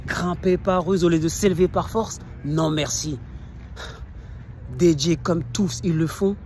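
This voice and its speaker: A man's voice: sits high, darkish tone. A male actor playing a proud, scornful poet-swordsman, declaiming a theatrical verse monologue in a hammy stage manner. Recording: noticeable background noise.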